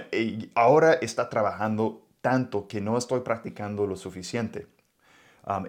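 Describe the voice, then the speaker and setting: American podcast host, Mexican Spanish as a second language, low voice, slow and halting delivery with lots of fillers. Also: male voice. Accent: American English speaker of Mexican Spanish. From United States. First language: English. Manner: relaxed, hesitant with many fillers and restarts. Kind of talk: casual podcast monologue giving tips.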